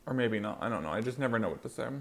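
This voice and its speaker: A man's voice: fairly low pitch, expressive, rapid-fire, fairly bright tone. A man hosting an eating show, chatting casually and in a rambling way to viewers while chewing as he talks. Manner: rambling, loosely strung thoughts. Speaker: mukbang host.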